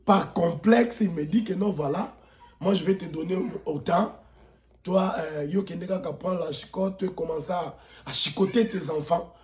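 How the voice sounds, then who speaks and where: A man from the Democratic Republic of the Congo speaks with a Congolese accent in a mellow, soft-edged voice set a little high, at a measured pace. As a pastor turned political commentator appearing as an interview guest, he delivers impassioned, indignant commentary, repeating words for emphasis and switching languages mid-sentence.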